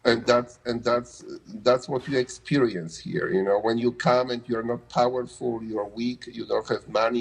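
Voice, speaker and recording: In a rough recording, a middle-aged Polish man with a somewhat low, slightly rough voice answers interview questions casually. He works in anesthesia and keeps restarting his phrases, sprinkling in "you know."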